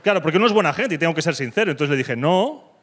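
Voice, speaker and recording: A man with a Spanish accent from Spain doing stand-up comedy, delivering provocative dark humor that swings from mock calm to loud. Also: fairly high pitch, very fast, noisy background.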